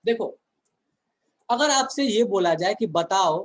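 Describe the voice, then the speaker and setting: Chatty male teacher, slightly high voice. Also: expressive, slow, low-quality recording. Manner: conversational, asks the class rhetorical questions. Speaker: chemistry teacher. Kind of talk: online class lecture.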